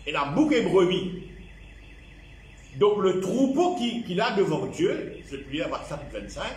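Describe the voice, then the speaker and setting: A man's voice: high-pitched, big pitch swings, a little slow, darkish tone, slight background noise. A man with a Mauritian accent preaching a sermon as a pastor, repeating key phrases and dropping in English words. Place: church. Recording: echoey church hall.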